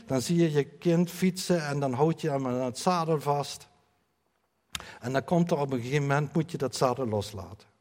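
Middle-aged pastor, sermon, slightly high voice, chatty and direct with the congregation, long church echo. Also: male voice, normal speed, a little mellow. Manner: conversational, addresses the congregation directly. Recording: long hall reverb.

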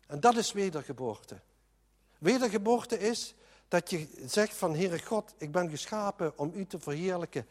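A man's voice: high voice, big-room sound. A man preaching a sermon in an earnest, emphatic way, often restarting his sentences.

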